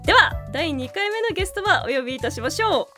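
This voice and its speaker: A woman's voice: high voice, expressive, soft background music. A woman from Aomori with a Tsugaru accent, hosting a podcast as an announcer in an upbeat, chatty way. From Aomori, Japan. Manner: bright, upbeat, quick to laugh. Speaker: announcer host.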